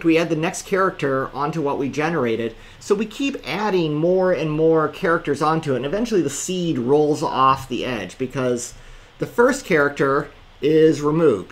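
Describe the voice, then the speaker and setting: A man teaching a course, walking through code step by step in a screencast lecture with dry asides. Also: on the high side. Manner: methodical step-by-step walkthrough. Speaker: course instructor.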